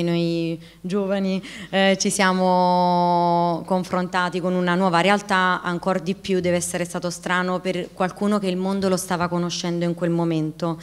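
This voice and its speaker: A young woman with a fairly low voice and flat intonation presents her work into a handheld mic. She explains it informally, searching for words and adding little checking tags. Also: clean tone. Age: young adult. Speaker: author presenting own work. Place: large historic hall, standing. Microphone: handheld microphone.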